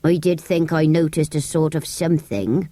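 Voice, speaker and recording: A woman's voice: low-pitched, moderate pace, mellow, no room sound, close to an everyday voice. A woman voicing a wary, dutiful male country servant in an audiobook, firm and rustic in speech. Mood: reluctant, firm. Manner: firm, countrified turns of phrase. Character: wary rustic English manservant, dutiful adult man.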